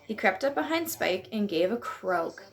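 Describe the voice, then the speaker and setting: A woman reading a children's picture book aloud at home, in a gentle, lively read-aloud voice. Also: mid-range voice, normal speed. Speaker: storyteller. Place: at home on a couch.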